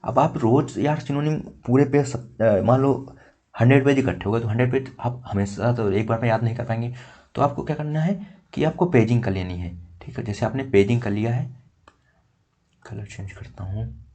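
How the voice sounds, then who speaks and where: A man's voice: medium pitch, normal speed, mellow. Young man coaching for exams, chatty. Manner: conversational, repeats "theek" often, counts pages aloud. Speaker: exam coach. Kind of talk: casual tutorial, showing notes.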